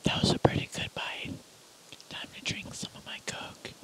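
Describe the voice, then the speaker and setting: A host whispering through an ASMR eating parody, deadpan, with crude jokes and swearing. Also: moderate pace, poor audio. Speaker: channel host.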